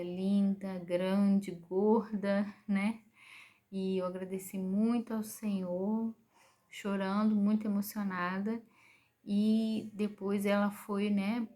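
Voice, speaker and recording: Young brazilian woman just chatting calmly, telling her story, lots of little "right?" checks. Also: medium pitch. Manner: calm, gentle retelling with frequent "né?" tag questions. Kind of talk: casual personal storytelling.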